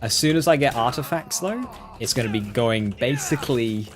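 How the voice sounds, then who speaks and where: Man, medium pitch, casual game commentary, chatty with viewers, faint music. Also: animated, moderate pace. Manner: chatty, addresses viewers directly. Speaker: game streamer. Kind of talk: casual live gameplay commentary.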